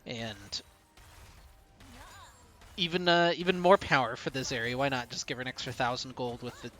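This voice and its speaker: A young man casting an esports match, chatty between plays and calling the action fast when fights break out. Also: medium pitch. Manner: rises to fast excited calls in fights; chatty, laughs between anecdotes. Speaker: esports caster. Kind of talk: play-by-play game commentary.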